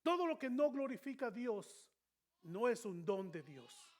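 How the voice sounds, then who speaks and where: A man leading a church Bible study in a preaching style, emphatic, swinging between loud stressed words and quiet asides, and now and then dropping short English phrases into his talk. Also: very high-pitched, sing-song, a little slow.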